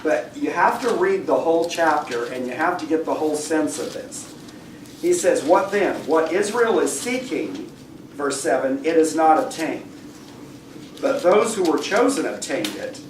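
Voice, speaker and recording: A hoarse man teaching an adult Bible class, speaking conversationally, asking the class questions and often clearing his throat. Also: fairly high pitch. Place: church classroom. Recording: echoey room, far mic, faint hiss.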